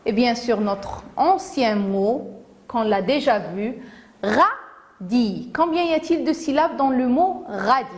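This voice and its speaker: A woman teacher with a Moroccan accent giving a phonics lesson to young children, saying each word slowly, syllable by syllable. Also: on the high side, darkish tone. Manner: slow, deliberate, syllable by syllable. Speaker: primary school teacher.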